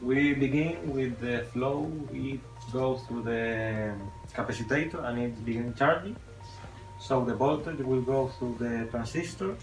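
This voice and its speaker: A man's voice: mid-range voice, measured pace. A man from the Canary Islands with a Spanish accent, a student explaining a circuit step by step. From Canary Islands, Spain. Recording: echoey room, distant mic, faint music.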